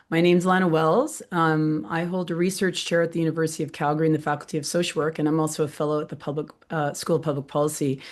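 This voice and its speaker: A woman researcher introducing herself on a panel in a measured, composed way. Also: low voice.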